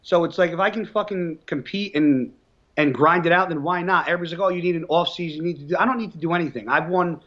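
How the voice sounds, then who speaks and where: This professional bodybuilder from New Jersey is a man in his thirties with a fairly high-pitched voice, and he talks fast. In a casual interview he speaks bluntly, swears freely, and tells stories with lots of energy. The audio sounds dull.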